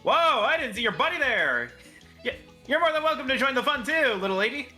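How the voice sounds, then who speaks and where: A woman voicing a booming, excitable prize announcer at a New Year's raffle in a video game. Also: brisk, faint music behind, exaggerated voice. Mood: excited hawking.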